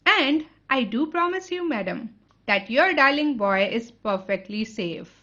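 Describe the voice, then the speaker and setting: A woman reading as a calm, giggling candy maker. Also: sits high, drawn-out words, dull audio, heavily acted. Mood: amused. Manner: calm, amused. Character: eccentric giggling male chocolate maker, calm.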